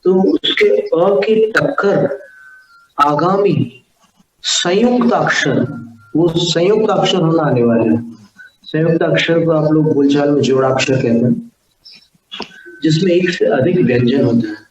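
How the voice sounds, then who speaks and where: Slow, deliberate male teacher, echoey. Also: fairly high pitch, a little hiss or hum. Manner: slow, deliberate, sounding out syllables. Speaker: religious teacher. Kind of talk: lecture on Sanskrit pronunciation. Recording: echoey, distant, dull lo-fi sound.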